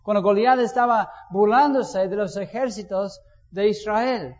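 A man's voice: high voice, measured pace, darkish tone. A man preaching a sermon in a conversational way, asking the congregation questions and acting out prayers. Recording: muffled, reverberant hall.

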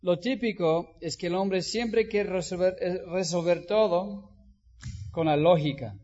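Male preacher with a high, slow delivery, heard in an echoing hall on a muffled recording. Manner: acts out quoted voices, rising to loud emphasis. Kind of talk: sermon. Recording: dull sound with long hall reverb.

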